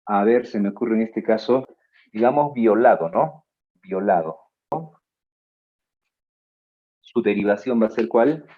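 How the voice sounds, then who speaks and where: A male teacher giving a spelling lesson, drawing out his words slowly and adding playful asides to his students. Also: lowish voice, narrow, tinny audio. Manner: slow, drawn-out words, playful asides to the listener.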